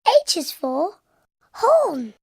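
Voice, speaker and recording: A performer voicing a cheerful, giggly little piglet girl in a cartoon, reciting letters in a slow, sing-song way. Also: very high voice, sing-song, dry recording, clean studio sound, exaggerated voice. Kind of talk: cartoon voice acting, reciting the alphabet.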